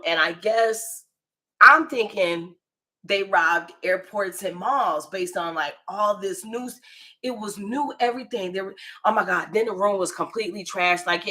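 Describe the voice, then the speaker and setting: An American woman with a lowish voice and sharp tone recounts a personal story in loose, slangy language, cursing freely. She acts out what people said and checks in with whoever's listening.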